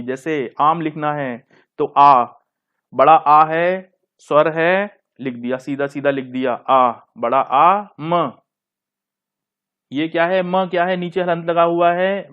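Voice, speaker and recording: A man's voice: on the high side, highs cut off. A man teaching a Hindi grammar lesson. He explains step by step, asks his class questions and answers them himself, and often repeats and rephrases terms.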